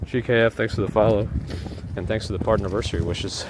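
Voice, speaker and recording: A man's voice: fairly low pitch, fairly even intonation, fast, heavy background noise. A man rambling through a live stream while walking outdoors in a blizzard, talking into a handheld phone and thanking viewers by name. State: losing his voice. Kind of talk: casual live-stream chatter. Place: snowy city streets outdoors in a blizzard.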